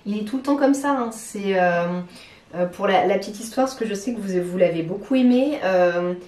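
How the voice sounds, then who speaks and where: A chatty woman from France talks casually to camera, pausing often and restarting her sentences. Her voice sits at an ordinary middle pitch and carries the echo of her living room. The camera picks her up from a few steps away. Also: darkish tone. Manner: chatty, hesitant, many fillers and restarts. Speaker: plant vlogger. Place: living room at home among plants. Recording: roomy, from a distance.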